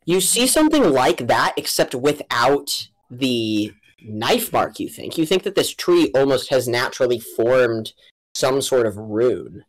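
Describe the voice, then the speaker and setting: A woman narrating a tabletop game as game master, casual and halting as she thinks aloud. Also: extremely low pitch, sing-song, low-quality recording.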